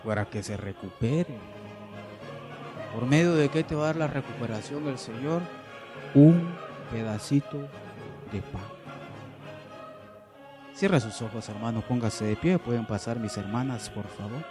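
A man preaching a sermon at a church service, slow and emphatic, repeating phrases and swinging between loud declarations and hushed pleading. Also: medium pitch, music in the background. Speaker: pastor.

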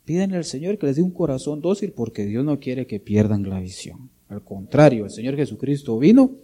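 A man's voice: mid-range voice, animated, fairly quick, dark tone. A man preaching a sermon, addressing his listeners directly and often asking them to agree. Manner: talks straight to listeners, keeps asking for agreement and calling them brother.

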